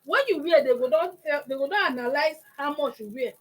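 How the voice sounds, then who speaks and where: A woman's voice: high-pitched, brisk. A woman with a Nigerian accent hosting a conversational talk, acting out examples as she explains. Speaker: talk show host.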